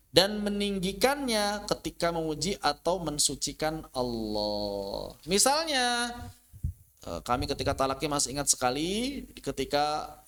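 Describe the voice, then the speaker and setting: A man delivers a religious lecture with a somewhat high voice. He explains patiently, letting his tone rise and fall, and now and then slips into a slow chanted recitation. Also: a bit bright. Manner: explanatory, rises and falls, briefly chants verses. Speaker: Islamic teacher.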